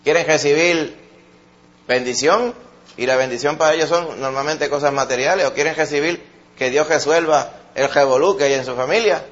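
A man with a Puerto Rican accent preaching a sermon, swinging between loud emphatic peaks and soft, low asides. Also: moderate pace, dull audio.

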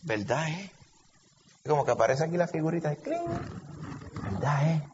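Puerto Rican preacher in a big reverberant hall. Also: male voice, fairly high pitch, huge pitch swings, a little slow. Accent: Puerto Rican Spanish. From Puerto Rico. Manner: conversational, asks the congregation questions. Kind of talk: sermon. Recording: dull lo-fi recording with long reverb and faint hiss.

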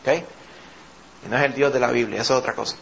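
A man's voice: medium pitch, steady tone, fast talker, gravelly, a bit bright. A man preaching a Bible study sermon in a conversational teaching manner, often checking in with his listeners. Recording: dull lo-fi with faint noise.

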